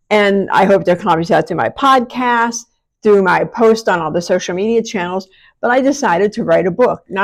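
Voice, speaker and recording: American woman with soft, w-like R sounds. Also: medium pitch, low-quality recording. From small-town Pennsylvania, United States. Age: middle-aged. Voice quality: speech impediment on R and S sounds, r leaning toward w. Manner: self-deprecating, colloquial, frank. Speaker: podcast host and women's empowerment coach. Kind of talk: candid motivational monologue.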